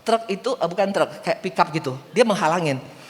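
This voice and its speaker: Lively woman preaching in a big hall. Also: on the low side, brisk. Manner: lively storytelling, asks the congregation questions. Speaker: evangelist preacher. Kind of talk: sermon. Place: large church hall. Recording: long church-hall reverb.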